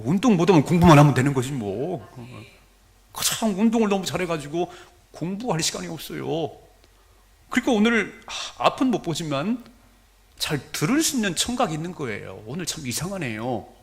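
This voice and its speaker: A male pastor preaching a sermon to his congregation, acting out scenes and quoting as he goes. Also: fairly high pitch. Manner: animated, acts out scenes and quotes.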